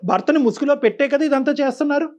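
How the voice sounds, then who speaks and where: A man's voice: very high-pitched, rapid-fire, a little mellow, muffled recording. A man counseling a caller on a call-in show, stern and preachy, repeating phrases for emphasis. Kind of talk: lecturing advice to a caller.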